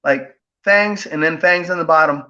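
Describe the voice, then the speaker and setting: Guy with a high voice rambling thru a story, lots of "like" and "you know what i mean", dull lo-fi sound. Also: moderate pace, pushed and bright. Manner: rambling, with many fillers and tag questions. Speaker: guest. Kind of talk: casual storytelling. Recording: dull lo-fi audio.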